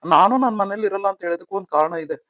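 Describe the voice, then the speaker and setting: A man's voice: high voice, rapid-fire, fairly bright tone. A man voicing an earnest young married man who pleads with his elder brother in a cartoon story. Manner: pleading, emotional.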